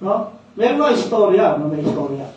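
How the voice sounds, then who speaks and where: A high-pitched man preaches in a church, heard from well back in a very reverberant hall. The sound is dull and muffled. He repeats phrases and keeps checking in with a questioning "no?". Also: sing-song, a little fast, darkish tone, slight background noise. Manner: storytelling, repeats key phrases. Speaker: pastor. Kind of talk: sermon. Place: church sanctuary, indoors. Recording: very echoey hall, distant dull mic.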